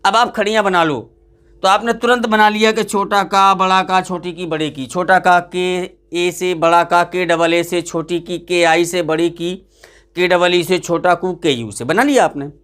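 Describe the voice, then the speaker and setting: A high-pitched man gives an English pronunciation lesson. He explains step by step, asks questions and answers them himself, and spells letters out slowly for his students. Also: steady tone, a bit bright, clean tone. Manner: addresses students as "beta". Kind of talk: classroom lesson.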